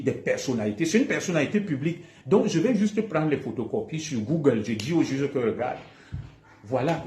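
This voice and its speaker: A man's voice: medium pitch, warm tone, reverberant. A man with a Cameroonian French accent, speaking on a livestream in a heated monologue and hammering the same accusations again and again. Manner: combative, repeats accusations emphatically. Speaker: live streamer.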